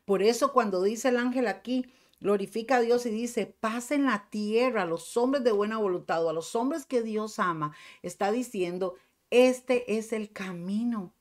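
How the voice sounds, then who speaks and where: A woman's voice: fairly high pitch, measured pace. A middle-aged woman pastor with a Costa Rican accent, preaching a fervent sermon to her congregation. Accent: Costa Rican Spanish. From Costa Rica.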